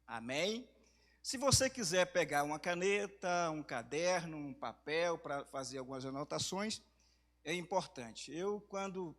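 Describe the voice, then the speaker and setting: A hoarse man from Brazil preaching in a church, speaking slowly and softly, with louder passages when reading scripture. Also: a little high, animated. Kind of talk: sermon.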